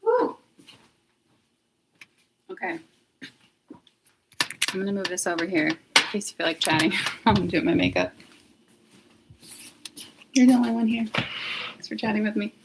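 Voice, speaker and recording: A woman's voice: mid-range voice, lively intonation, normal speed, vocal fry, long pauses, very noisy. A woman in her thirties chatting casually on a home livestream, self-deprecating and talkative, now and then dropping to a whisper to test her mic. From United States. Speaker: vlogger livestreaming. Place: home kitchen, indoors. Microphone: phone with clip-on mic.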